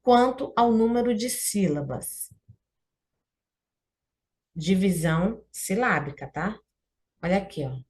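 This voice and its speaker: A woman's voice: medium pitch, lively intonation, slow, long pauses, darkish tone. Brazilian woman teaching exam Portuguese. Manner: explanatory, checks in with listener often. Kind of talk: exam question walkthrough.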